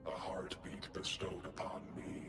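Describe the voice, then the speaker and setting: A man gives voice to a solemn, dutiful giant guardian mech in a video game that is slowly learning feeling, speaking formally and robotically and opening statements with clipped one-word headers. The low-pitched, completely flat delivery is a little slow, solemn and earnest. Game music plays beneath a cavernous echo.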